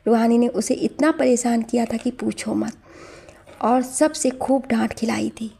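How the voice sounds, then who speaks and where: Woman reading out a drama story, dark mellow voice, bit of fry. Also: fairly high pitch, steady tone, unhurried. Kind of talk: scripted narration of an audio story.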